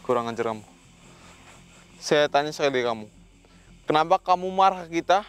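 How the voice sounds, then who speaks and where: A man's voice: on the high side, animated, a little fast, slight background noise. A man hosting a ghost-hunting vlog who sternly questions an unseen spirit and recites Islamic prayers between his questions. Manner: commanding, confronting an unseen spirit. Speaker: paranormal investigator host.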